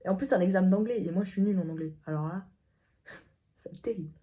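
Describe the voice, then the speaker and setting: Recorded on a phone camera in a hotel room, this young adult woman speaks quickly in a fairly low, warm voice. She rambles casually through her vlog, laughs a lot, and has a cold just starting.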